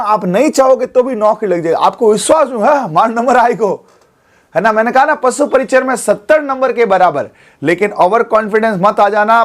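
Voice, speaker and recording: Man in his 40s, high voice, coaching lecture in a studio, keeps checking with students. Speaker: teacher. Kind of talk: exam coaching class lecture. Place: studio classroom.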